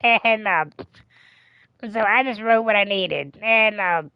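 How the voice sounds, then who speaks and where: A woman's voice: medium pitch, takes it slowly, vocal fry, clean tone, dry recording, lo-fi sound. A woman streamer telling a personal story in a casual, chatty way, swearing freely and laughing often.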